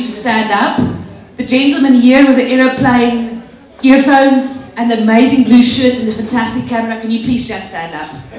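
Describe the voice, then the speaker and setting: A woman's voice: sits high, a little mellow. A woman hosting a live event, addressing the audience in a polished, enthusiastic presenter's manner. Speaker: event host. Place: large echoey indoor venue. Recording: very echoey hall, far from mic.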